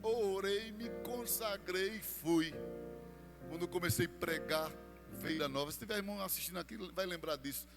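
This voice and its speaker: A man's voice: high-pitched, moderate pace, big-room sound, over music. A Brazilian man preaching as a pastor, telling his testimony with drama and voicing the people in the story. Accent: Brazilian Portuguese. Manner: dramatic storytelling, voicing other people, rising to loud climaxes. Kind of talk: sermon testimony.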